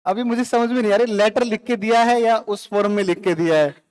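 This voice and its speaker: A male teacher giving a live classroom lecture, firing quick questions at students and joking with the class. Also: high-pitched, steady tone, darkish tone, smooth.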